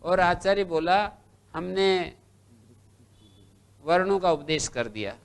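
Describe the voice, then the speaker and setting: Guy teaching old grammar in a class, slow and gravelly, kinda high voice, reads a line then breaks it down. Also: animated. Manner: slow, recites text then explains, lists letters one by one. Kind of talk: classroom lecture explaining texts.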